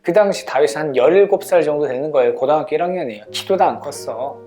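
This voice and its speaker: A children's ministry teacher at a church, telling a Bible story in a lively way and asking the children questions. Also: mid-range voice, fast, soft background music.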